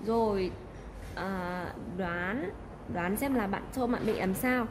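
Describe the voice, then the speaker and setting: A woman's voice: mid-range voice, slow pace, background noise. A woman, teaching English patiently, repeating model phrases and checking in often. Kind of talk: teaching a recorded lesson.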